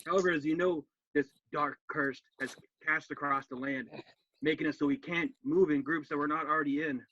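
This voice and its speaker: A comedian playing a cheerful, earnest male hobbit gardener with a gravelly voice, chatting as if over a video call. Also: on the high side, fairly even intonation, fairly quick, bright, forceful tone. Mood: chatty. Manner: earnest, folksy, talking to a friend on a video call. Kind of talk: cosplay stand-up character bit. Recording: dull lo-fi dry sound.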